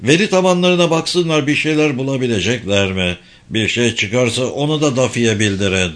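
A man's voice: mid-range voice, lively intonation, normal speed, a bit bright, close to an everyday voice. A man voicing a male intelligence deputy director who gives urgent, commanding orders in a spy audiobook.

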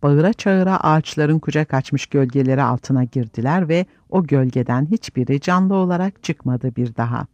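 A man's voice: on the high side, normal speed, hardly any pauses, a little mellow, no room sound, muffled recording. A man narrating a fantasy audiobook with a dramatic storytelling delivery.

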